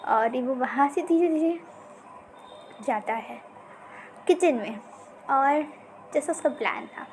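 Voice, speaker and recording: Casual storyteller, woman, chatty and expressive, bright high voice. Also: slow pace, a little hiss or hum.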